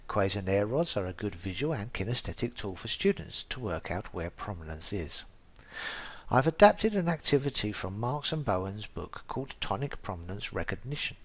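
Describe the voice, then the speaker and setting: Man reading a teaching explanation, lively pitch. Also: normal speed, breathy edge. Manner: reads a prepared explanation in an even, careful way. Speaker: English teacher. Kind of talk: scripted narration.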